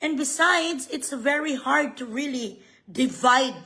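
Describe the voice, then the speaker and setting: Woman, high voice, mocking vlog rant, sarcastic, cursing. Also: takes it slowly, sharp tone. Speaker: vlogger. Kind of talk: ranting vlog commentary.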